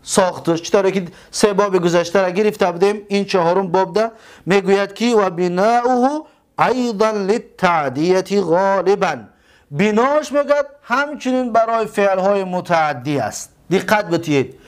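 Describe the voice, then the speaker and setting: Man, high voice, teacher, drawn-out repeated word forms, patient grammar lesson.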